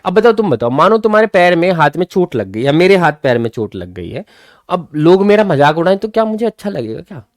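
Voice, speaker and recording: A young man teaching an online class, animatedly explaining an English story and slowly reading lines from it. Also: high-pitched, sing-song, no room sound, studio quality.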